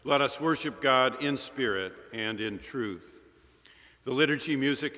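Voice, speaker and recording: A man, a minister, leading a formal liturgy in a solemn, measured way, his voice carrying a cathedral echo from an empty church nave. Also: medium pitch, bright, forceful tone. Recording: long hall reverb in empty church.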